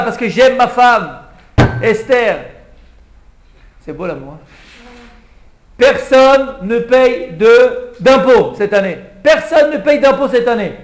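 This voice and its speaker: A man, a rabbi, giving a lively Purim Torah class and acting out the king's pleading for a small audience. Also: extremely high pitch. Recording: echoey room, faint background hum.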